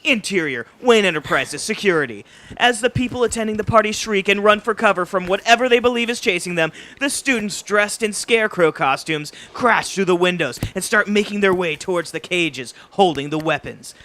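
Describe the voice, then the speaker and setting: Guy reading stage directions at a live read, higher bright voice, brisk. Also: animated. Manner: brisk reading with small slips and restarts. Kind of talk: live script read-through.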